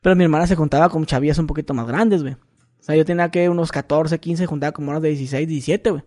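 A Mexican man in his thirties tells a long story on a casual podcast. His voice sits high and he talks quickly. He stumbles over and repeats words as he goes. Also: steady tone, a little mellow. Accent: Mexican Spanish. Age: 30s. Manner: rambling, repeats words, acts out quoted voices. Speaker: podcast co-host.

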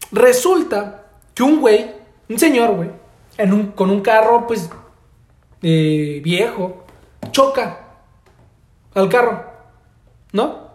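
A young man with a Mexican Spanish accent from Tijuana, telling a story in slangy casual chat. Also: sits high. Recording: echoey room.

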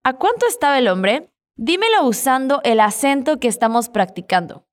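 A woman's voice: high-pitched, very animated, moderate pace. Patient woman teaching Spanish. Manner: clear, patient and encouraging. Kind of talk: language lesson with repetition drills.

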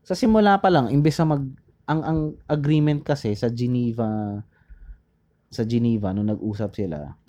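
A man casually talking through history, rambling and pausing to search for names, mixing English into his Tagalog. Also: mid-range voice, dark tone, muffled recording. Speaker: podcast co-host.

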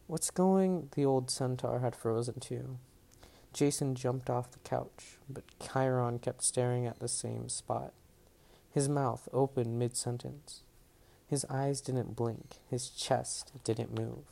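A man's voice: medium pitch, little pitch movement, slow, vocal fry, dark tone. A man giving a casual fan reading of a novel, reading plainly and breaking off with self-mocking asides. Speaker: audiobook reader.

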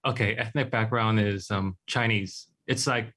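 A man from Oahu, a podcast guest on a video call, telling stories in a relaxed way and acting out quoted lines. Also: fairly low pitch, unhurried. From Oahu, Hawaii. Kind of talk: casual interview over video call.

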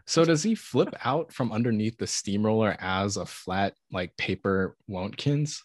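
Wry man with a low, husky voice. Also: lively intonation, measured pace, dry recording, clean studio sound. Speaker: host. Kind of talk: casual humorous commentary on old commercials.

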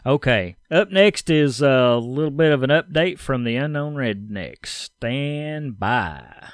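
A man's voice: mid-range voice, lively intonation, takes it slowly. A man hosting a podcast, chatting loosely and joking about himself. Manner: loose, joking, self-deprecating, laughs often. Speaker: podcast host. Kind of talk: casual chat.

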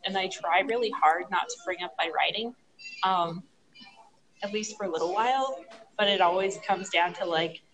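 Woman, podcast co-host, casual chat, hesitant, lots of ums, wry, middle pitch, crowd chatter behind. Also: moderate pace, low-quality recording.

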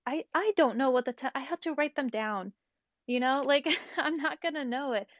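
A woman chatting casually about faith as a podcast guest, animated and rambling with many fillers. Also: sits high, normal speed, no echo, muffled recording.

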